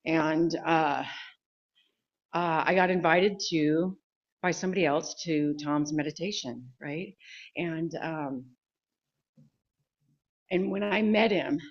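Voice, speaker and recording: A woman giving a candid, halting tribute at a memorial recovery meeting, joking at her own expense. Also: low-pitched, dull audio. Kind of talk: personal tribute speech.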